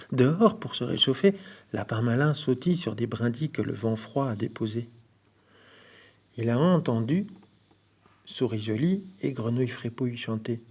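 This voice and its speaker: A man reading a children's picture book aloud for a library, expressive, with playful sound effects. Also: medium pitch, slightly rough. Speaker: library storyteller.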